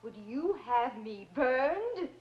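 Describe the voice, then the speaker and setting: A woman's voice: high-pitched, very animated, slow pace, full character voice. A defiant accused widow-witch. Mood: accusing. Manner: theatrical, accusing, rising to shouts. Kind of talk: 1960s film acting. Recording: dull lo-fi old film soundtrack.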